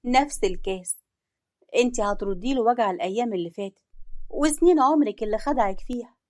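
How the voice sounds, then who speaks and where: A persuasive, scheming woman colleague in an audio story, sure of herself and pushing hard, as a woman narrator puts her on. Her Egyptian accent carries a fairly high, insistent voice. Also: quick pace, dark tone, dry recording, studio quality, close to an everyday voice. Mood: eager. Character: scheming female coworker, confident and persuasive.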